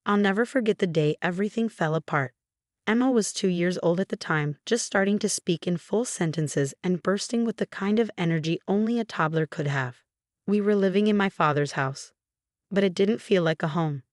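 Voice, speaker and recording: A woman narrating a first-person story in a steady, even storytelling manner. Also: fairly low pitch, moderate pace, dry recording, clean studio sound.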